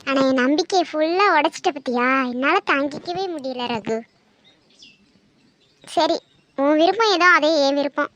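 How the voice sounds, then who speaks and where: A woman voicing a hurt middle-aged mother in an animated cartoon, pleading and reproachful. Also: high voice, normal speed, pauses often. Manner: reproachful, emotional.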